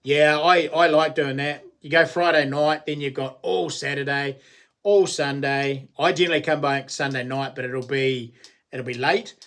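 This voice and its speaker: A man's voice: a little high, fairly even intonation, moderate pace, a bit bright. Laid-back man with a broad Kiwi accent. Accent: broad New Zealand. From New Zealand. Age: late 40s. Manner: laid-back, blokey, slangy. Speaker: live stream host. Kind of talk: casual livestream chat, reading and answering comments.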